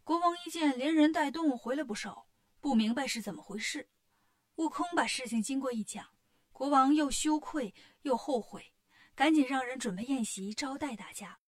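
A woman narrating a classic storybook tale for children in a lively, expressive way. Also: high voice, moderate pace.

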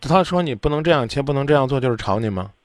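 Blunt lively man scolding a caller. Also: mid-range voice, racing, no room sound. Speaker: radio advice host. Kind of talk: call-in advice talk. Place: radio studio.

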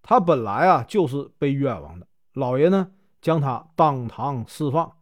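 A man's voice: medium pitch, very animated, a little slow, no echo, clean studio sound. A man with a Northeastern Mandarin accent narrating a folk tale in a folksy way, stretching filler syllables. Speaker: storyteller. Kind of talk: storytelling narration.

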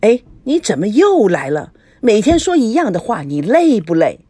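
A woman's voice: medium pitch, very animated, normal speed, warm tone, breathy edge, dry recording, voice pushed up. A woman voicing an impatient grown daughter in a novel reading, exasperated and scolding.

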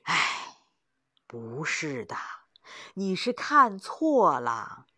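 A woman voicing an experienced old male hunter who speaks steadily and reassuringly, sometimes dropping to a hush. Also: low-pitched, very animated, very slow, husky, no room sound, clean studio sound, heavily acted.

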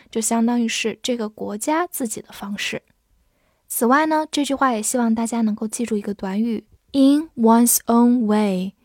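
Female English teacher, higher voice, patient and clear, dry close recording. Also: a little mellow, dry recording. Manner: clear, patient, spells words letter by letter. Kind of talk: vocabulary lesson with slow spelled readings.

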